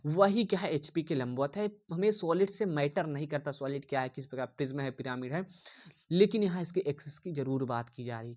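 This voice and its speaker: A man giving a casual online engineering drawing lesson, repeating himself often and calling viewers dear. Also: fairly high pitch. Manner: repetitive, rambling, addresses viewers as dear.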